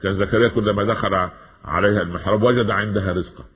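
A male preacher with an Egyptian accent delivers a sermon at a rapid clip. His voice sits low and has a husky grain, and he drives his points home with quick rhetorical questions. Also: in a large hall. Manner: lively, rhetorical questions, mixes classical and colloquial Arabic.

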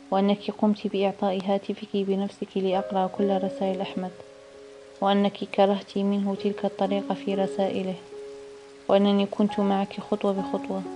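A woman voicing a calm, wise older mother-in-law who gives measured advice in a read-aloud story. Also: medium pitch, close to an everyday voice.

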